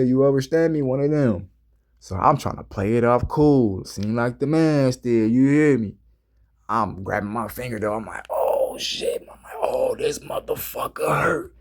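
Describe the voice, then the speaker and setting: A man's voice: mid-range voice, gravelly, darkish tone. A young man casually telling a gym story to his viewers in a laid-back, slangy way. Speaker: fitness vlogger.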